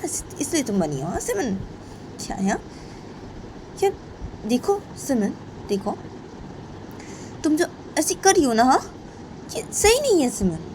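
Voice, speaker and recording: A woman plays a stern middle-aged mother who scolds in a low voice, repeating her daughter's name again and again. Background noise can be heard.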